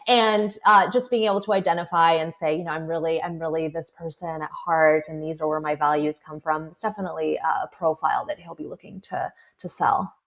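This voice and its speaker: Lowish woman's voice, journalist guest, loose and chatty with lots of ums and little laughs. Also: steady tone, fairly quick, few pauses. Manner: chatty, laughs often, frequent fillers. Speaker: political correspondent, guest. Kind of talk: conversational interview. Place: South Florida.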